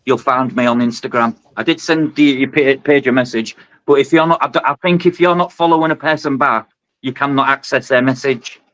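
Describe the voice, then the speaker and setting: A man from the north of England with a Northern English accent, a guest in a casual live chat, excitable and prone to stammering restarts. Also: medium pitch, a little fast, highs cut off.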